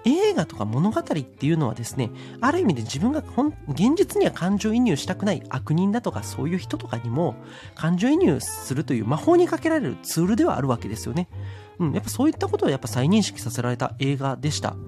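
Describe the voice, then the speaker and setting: A man's voice: a little high, wildly swooping pitch, quick pace, warm tone, soft background music. A man giving a casual, rambling solo podcast film review, full of fillers.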